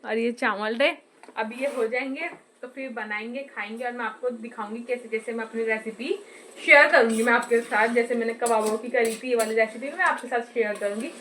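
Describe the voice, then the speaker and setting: A woman chats through a casual home cooking vlog in a bright, slightly high voice, teasing herself as she goes. She is filmed on a phone in a roomy home kitchen, with a faint hum of noise behind her. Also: steady tone, brisk. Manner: chatty and self-teasing, laughs at herself. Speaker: vlogger.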